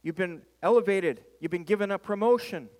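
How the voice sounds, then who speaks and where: A reverberant hall carries the voice of a male pastor giving a sermon. His voice sits a little high for a man. He speaks emphatically and repeats phrases for dramatic weight. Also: brisk, darkish tone. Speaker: pastor preaching to a church.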